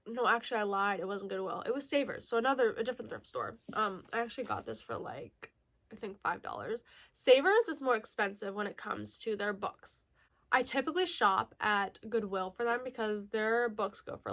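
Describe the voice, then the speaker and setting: Her voice sits in the mid-range with a bit of brightness. A woman casually showing off a book haul as a vlogger, she reads blurbs aloud, giggles, and keeps correcting herself, sounding slightly nasal because a mild cold is hanging on.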